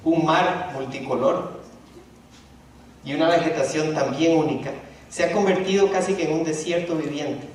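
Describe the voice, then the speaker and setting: A middle-aged man from Ecuador gives a lecture in a big auditorium, his fairly high voice carrying through a strongly echoing hall. He sounds set back from the microphone and stops and restarts often, with a faint hum of room noise behind him. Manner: hesitant, with frequent restarts and fillers. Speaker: speaker presenting a talk. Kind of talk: public lecture. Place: university auditorium. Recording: echoey hall, distant from the mic.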